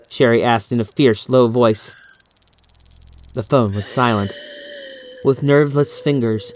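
In a measured, dramatic, suspenseful style, a man with a medium-pitched voice reads a scripted horror story like an audiobook narrator.

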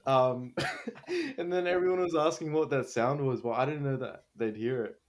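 A man's voice: a little high, big pitch swings, normal speed. A teenage man, telling a story in a casual chat, laid-back and slangy. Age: teens. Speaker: student.

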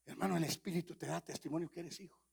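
Raspy dramatic preacher man. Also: on the high side, quick pace. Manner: dramatic, swinging between loud exhortation and whispers. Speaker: pastor. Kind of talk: sermon.

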